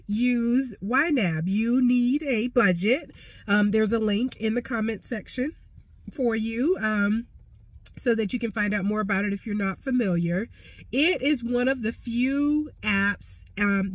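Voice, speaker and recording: A woman's voice: a little high, dry recording. Congested woman giving chatty budgeting advice. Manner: chatty and encouraging, with many fillers. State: congested, nasal voice. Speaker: personal finance coach. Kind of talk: casual direct-to-camera advice.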